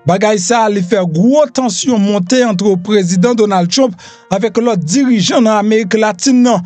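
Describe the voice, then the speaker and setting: A man's voice: high-pitched, normal speed, darkish tone, dry recording, faint music behind. A Haitian man hosting a news rundown, reading headlines loosely with frequent fillers. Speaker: news host.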